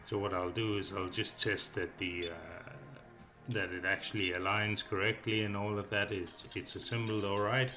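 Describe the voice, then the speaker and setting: Over background music, a man gives a casual, off-the-cuff review of a hobby build, speaking at normal speed in a lowish, fairly even voice. He wanders and hesitates, thinking out loud as he goes.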